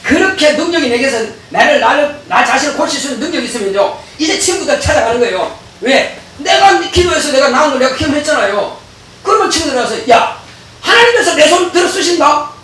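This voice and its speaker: High-voiced, lively male pastor preaching. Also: quick pace. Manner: lively, laughing, acts out dialogues, bursts into shouts. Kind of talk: animated sermon. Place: church sanctuary. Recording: very echoey church hall, distant mic, faint noise.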